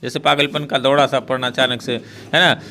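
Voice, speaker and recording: Bright-voiced male English teacher. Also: mid-range voice, level tone, moderate pace. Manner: explanatory, chatty, with frequent tag questions. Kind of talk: line-by-line play explanation lesson.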